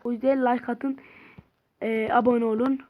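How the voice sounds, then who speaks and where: A woman's voice: a little high, level tone, normal speed, phone-quality sound. A woman giving casual, rambling let's-play commentary and chatting to her viewers while she plays. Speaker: gamer. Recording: noisy home mic with clicks.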